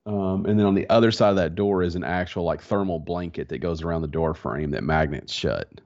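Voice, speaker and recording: A fairly quick, deep, and slightly mellow male voice carries a laid-back, slangy casual chat on a podcast he co-hosts. He sounds a little congested with a stuffy nose. It's a dull, lo-fi recording from a small home office in a converted barn.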